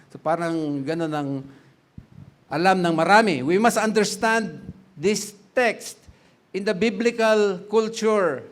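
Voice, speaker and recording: A middle-aged male pastor from the Philippines gives a sermon in a notably high voice. He speaks slowly and deliberately, chats and laughs along the way, and keeps turning to the congregation with questions, mixing English into his talk. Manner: chatty, laughs often, quizzes the congregation, mixes English in.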